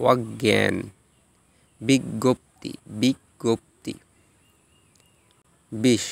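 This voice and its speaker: A man teaching a recorded lesson, reading out rules and repeating example words slowly and carefully. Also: mid-range voice, creaky, no room sound. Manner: slow, drawn-out repetition of example words.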